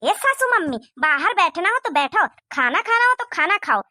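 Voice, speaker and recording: A woman voicing a cheeky, sharp-tongued young daughter-in-law in a cartoon, talking back with mocking sass. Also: very high voice, big pitch swings, moderate pace, dry recording, studio quality, full character voice. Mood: sassy. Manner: sassy, mocking. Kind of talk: cartoon dubbing.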